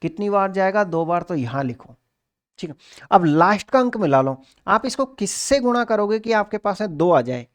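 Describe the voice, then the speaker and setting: A man's voice: high-pitched, lively intonation, moderate pace. A male maths teacher with a Rajasthani Hindi accent explains exam problems step by step, asking and answering his own questions. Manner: asks and answers his own questions, addressing students as sir. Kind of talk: exam-prep maths lesson.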